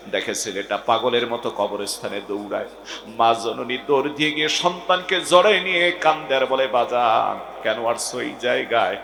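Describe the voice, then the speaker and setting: Man chanting a tearful waz sermon. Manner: swings between loud chanted crying passages and low murmured storytelling. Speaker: preacher. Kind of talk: sung Bengali waz sermon. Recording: echoey hall, long reverb.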